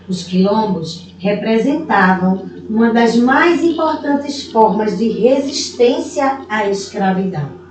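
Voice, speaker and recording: A woman teacher from Brazil giving a recorded video lesson to young pupils, patient and slow, stretching out syllables as she explains. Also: on the high side, distant mic, slight background noise. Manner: calls herself auntie, speaks warmly to young pupils. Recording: roomy echo, voice away from the mic.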